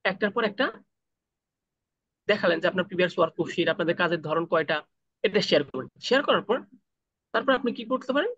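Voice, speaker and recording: A man leads an online training class, asking his students questions and then answering them himself. He slows right down for deliberate English phrases. His voice comes through dull, dry call audio. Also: high-pitched, animated, a bit bright, no room sound. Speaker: freelancing trainer. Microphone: video call.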